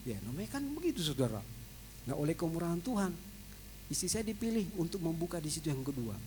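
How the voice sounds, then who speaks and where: A male pastor, telling a story in a lively, animated sermon in a large church. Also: fairly high pitch, quick pace, slight background noise, rough recording. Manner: lively, animated storytelling that shouts out quoted voices. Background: worship music.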